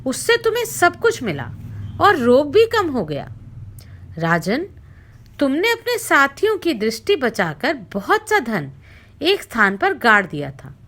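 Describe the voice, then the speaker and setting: A woman reading a scripture story aloud as narrator, with expressive recitation that dips low when addressing the king. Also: unhurried.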